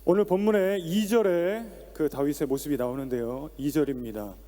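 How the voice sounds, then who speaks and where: A man in his forties preaching a Sunday sermon as pastor, animated and acting out pleading voices with rhetorical questions. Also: on the high side, moderate pace. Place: church sanctuary. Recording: long hall reverb.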